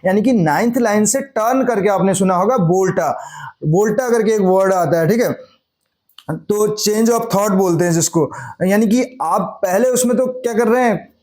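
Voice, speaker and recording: A man with a high voice gives an English literature lesson in a mix of Hindi and English. He turns each point into a question and answers it himself. He reads the English lines slowly, then explains them. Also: darkish tone. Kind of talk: Hindi-English classroom lecture.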